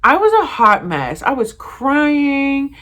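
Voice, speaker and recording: A young woman in her twenties, chatting casually to camera as a vlogger, animated and full of fillers as she acts out what everyone said. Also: high voice, slow pace. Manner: animated, lots of fillers and acted-out quotes.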